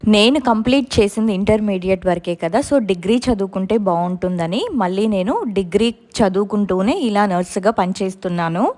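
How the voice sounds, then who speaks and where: A woman's voice: mid-range voice, moderate pace, darkish tone. A woman in her twenties earnestly telling her own ghost experience in the first person, mixing English words into her speech.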